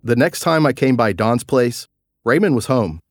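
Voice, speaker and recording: Man, podcast narrator, scripted, lively intonation. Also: mid-range voice, dry recording. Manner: measured storytelling.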